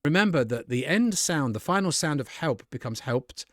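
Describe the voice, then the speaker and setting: A British English male teacher explains pronunciation rules in a lively, rising-and-falling voice. He slows right down to model example words and keeps checking in with the learner. The sound is dry and close. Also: on the high side, dry recording. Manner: frequent checking "okay?". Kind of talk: explanatory lesson.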